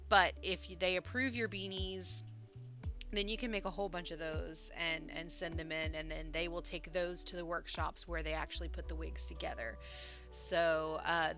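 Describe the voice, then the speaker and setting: Her voice is fairly low and sharp as she casually hosts a crochet livestream. A sore, swollen mouth and sinus congestion make her speech slightly impeded and a bit funny, heard over faint music in a dull, lo-fi recording.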